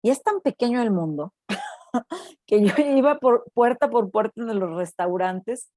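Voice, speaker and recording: Her fairly high voice moves a little slowly, captured without any room sound. A university researcher from Mexico, she tells a story during a casual interview with lively energy, acting out the voices of people she quotes and repeatedly adding "¿no?" to her sentences.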